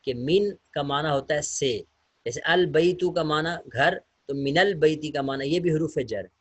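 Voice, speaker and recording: A man with a fairly high, unhurried voice and no echo teaches Arabic in a recorded online lecture. He patiently speaks to his students, reading short sentences aloud before translating and explaining each one step by step.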